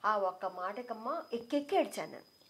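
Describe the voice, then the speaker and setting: A middle-aged woman as an interview guest, telling a personal memory with heartfelt emotion and softening her voice when she quotes others. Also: medium pitch, animated, brisk, slight background noise. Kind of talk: reminiscing in an interview.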